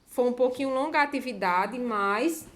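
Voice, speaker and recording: A woman teacher talks young pupils through a workbook page with a patient, repetitive delivery. She stretches out key words slowly so the children can hear each sound. Her voice sits a little higher than most. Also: lively intonation, a bit bright. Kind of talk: explaining a textbook exercise to children.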